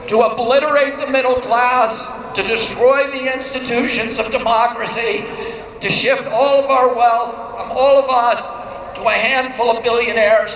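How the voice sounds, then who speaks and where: High, bright man giving a rally speech. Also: a little hiss or hum. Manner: declamatory, pausing after each phrase for translation. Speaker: speaker at a protest rally. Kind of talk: rally speech delivered in short phrases. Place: outdoor street demonstration. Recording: echoey outdoor loudspeaker sound with reverb.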